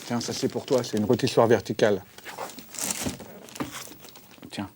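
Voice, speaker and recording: An actor playing a mopey man heartbroken that his bicycle left him, speaking in hesitant, halting bits. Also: medium pitch, fairly even intonation, a little mellow, a little hiss or hum, lightly acted. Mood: forlorn. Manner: hesitant, full of sighs and halting restarts. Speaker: talk show guest. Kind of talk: sketch comedy acting.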